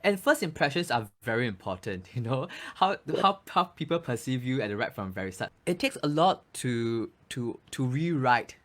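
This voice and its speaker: Man explaining, lively pitch. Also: normal speed, few pauses. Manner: explanatory, frequent restarts and "you know". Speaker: voice coach and actor, guest. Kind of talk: casual interview chat.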